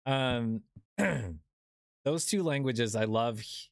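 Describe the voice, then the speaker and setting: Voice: mid-range voice, lively intonation, slow, vocal fry, dry recording. A young adult streamer chatting casually while playing a horror game, rambling with lots of fillers and restarts. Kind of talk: casual chat while gaming.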